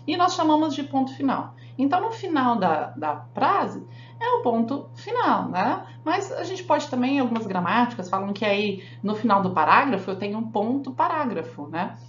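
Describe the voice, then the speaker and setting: A woman's voice: on the high side, very animated, normal speed. Woman teacher doing a grammar lesson, keeps asking if everyone got it, lots of room echo. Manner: explanatory, asks the class frequent check questions. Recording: echoey room, dull sound, faint hum.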